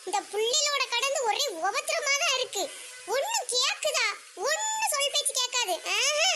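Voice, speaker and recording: A woman's voice: very high voice, lively intonation, normal speed, background noise. A woman playing a nagging mother with a Kanniyakumari accent. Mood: scolding. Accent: Kanniyakumari Tamil. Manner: sharp, nagging, sarcastic threats. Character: exasperated scolding village mother. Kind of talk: comic sketch acting.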